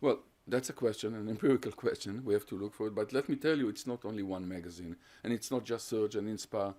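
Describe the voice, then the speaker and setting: In a lowish, darkish voice, a man lectures on terrorism research as a guest in an academic setting, with audience questions included. Originally a Hungarian speaker, he is measured and explanatory and tends to build lists of points.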